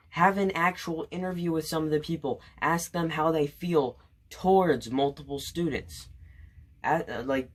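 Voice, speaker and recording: A man's voice: mid-range voice, fairly bright tone. A young man in his late teens, a student venting his opinions to camera in an indignant, sarcastic rant full of fillers and restarts. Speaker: student vlogger.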